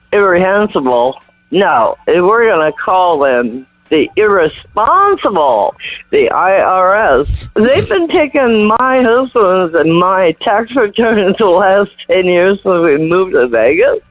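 Woman, tipsy, giggly and rambling, voicemail over a landline phone, lively pitch, dry close line. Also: slow pace, no echo, narrow, tinny audio. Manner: rambling, giggly, chuckles between sentences. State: tipsy from morning drinking. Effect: heard over a landline phone voicemail. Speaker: caller leaving a voicemail. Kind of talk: casual phone message.

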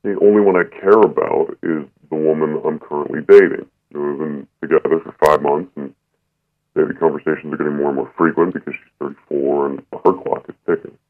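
A man's voice pushed extremely low by a voice changer, so it sounds disguised and deep. It reaches us over a thin, tinny phone line. He is a caller in his thirties who speaks bluntly and unapologetically, often halting mid-sentence. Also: steady tone. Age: 30s. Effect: voice changer making it disguised and deep. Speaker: anonymous caller. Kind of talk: call-in radio conversation.

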